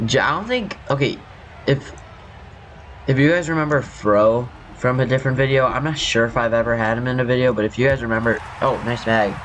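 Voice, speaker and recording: A man's voice: mid-range voice, brisk, fairly bright tone. A young man giving casual, rambling commentary over his own gameplay, his voice scratchy from just waking up. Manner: rambling, self-correcting, apologetic. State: scratchy morning voice. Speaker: gaming youtuber.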